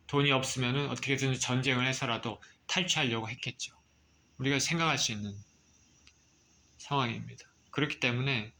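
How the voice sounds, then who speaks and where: A man preaching a sermon as pastor, reading scripture and explaining it with measured pauses. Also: mid-range voice, sharp tone.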